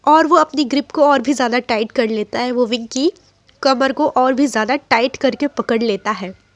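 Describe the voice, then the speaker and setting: A woman's voice: high-pitched, moderate pace, no echo. A woman narrating a fan-fiction love story with emotion, mixing English words into her telling.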